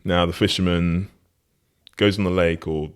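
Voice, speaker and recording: A man's voice: low-pitched, steady tone, measured pace, smooth. A man hosting a casual podcast conversation who rambles, corrects himself and laughs often.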